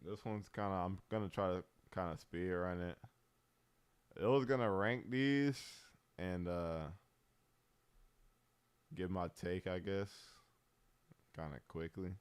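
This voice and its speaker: A male streamer giving laid-back, rambling commentary while ranking movies, with loose slang and frequent pauses. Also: deep voice, clear, resonant tone, dry recording. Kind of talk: casual tier-list commentary.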